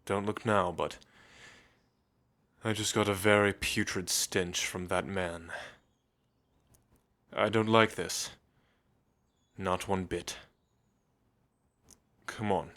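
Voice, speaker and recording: With a low-pitched, steady voice, a man portrays a centuries-old vampire who is gentle and refined, in an intimate ASMR roleplay. He chooses old-fashioned, measured wording and pauses thoughtfully, sounding uneasy and wary.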